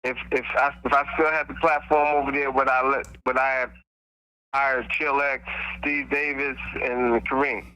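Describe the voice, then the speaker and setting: Man over a speakerphone, bright tone. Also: mid-range voice, flat delivery, normal speed, clear, resonant tone, rough recording. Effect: heard over a speakerphone. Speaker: caller. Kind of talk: call-in show guest.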